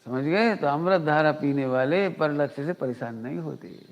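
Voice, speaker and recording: Male Jain preacher, chatty discourse with rhetorical questions, a little high, dull audio in a long-reverb hall. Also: moderate pace. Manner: conversational, rhetorical questions, mimics listeners. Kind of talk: informal spiritual discourse.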